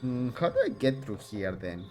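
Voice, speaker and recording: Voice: medium pitch, sing-song, moderate pace, darkish tone. A streamer casually commenting while playing a retro game, rambling with many fillers.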